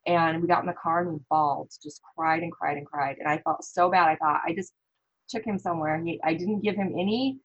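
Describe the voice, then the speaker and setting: A woman from the American Midwest, appearing as a podcast guest, talks a little fast in a lowish, breathy voice, animatedly telling stories with quoted thoughts in casual conversation. The recording is muffled.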